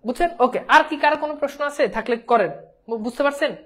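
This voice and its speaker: A woman's voice: high-pitched, racing. A woman teaching an exam-prep grammar class, often checking whether her students understand and mixing English words into her speech.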